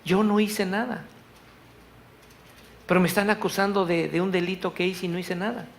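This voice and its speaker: A man voicing a young man jailed and pleading his innocence, in a hushed, pleading tone. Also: sits high, little pitch movement, moderate pace, vocal fry, a little hiss or hum.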